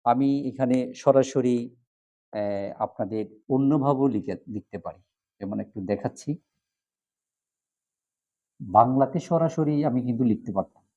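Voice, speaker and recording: Mellow-voiced man drilling Pali syllables. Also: medium pitch, dull audio. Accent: Bangladeshi Bengali. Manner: patient, repeats syllables slowly for practice. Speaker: Buddhist monk teaching Pali pronunciation. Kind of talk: pronunciation lesson.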